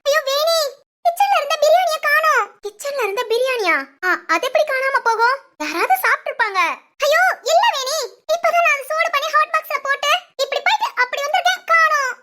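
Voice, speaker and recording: A woman voicing an excitable young wife in a cartoon family comedy, given to whiny, giggly complaints. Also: very high voice, brisk, full character voice. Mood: fretting. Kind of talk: cartoon voice acting.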